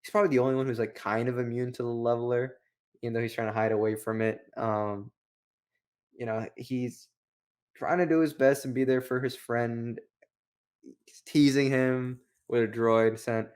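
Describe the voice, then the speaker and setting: This co-host of a book review show has a mid-range, darkish voice with fairly even intonation and moderate pacing. He rambles casually in slang while recapping and reacting, saying "like" over and over.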